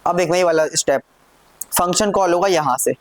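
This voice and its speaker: A man with a somewhat high voice leads a live programming class, walking through each step of the code. He keeps pausing to ask the students if it is clear. The recording is dry, with little room sound. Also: dry recording. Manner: checks in often with questions to students. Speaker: programming teacher. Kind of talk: live classroom coding lesson.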